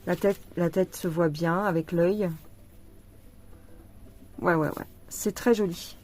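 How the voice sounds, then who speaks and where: A tired French woman chats casually with viewers at home while unboxing a cross-stitch kit, laughing often. Her voice is fairly low and a little mellow, with a steady tone and slow pace.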